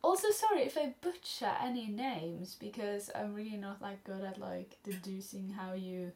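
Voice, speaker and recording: In this chatty studyblr vlog, a teenage girl from Norway, speaking with a Norwegian accent, rambles through viewer questions at normal speed, laughing often and full of ums and restarts. Her medium-pitched, darkish voice is expressive. It's a casual home Q&A shot close on a camera mic, with slight background noise.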